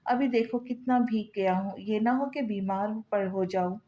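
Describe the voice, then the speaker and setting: A woman's voice: medium pitch, moderate pace, dark tone, dull audio, lightly acted. A woman voicing a cruel, taunting young husband who mocks with false tenderness, read in her own voice from a novel. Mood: mocking.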